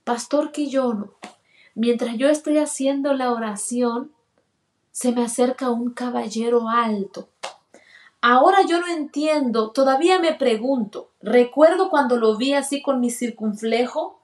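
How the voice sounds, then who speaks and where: A woman's voice: on the high side, measured pace. A woman, earnestly telling a personal testimony and acting out the dialogue. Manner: earnest, acts out quoted dialogue. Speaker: guest sharing a testimony. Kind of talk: personal storytelling.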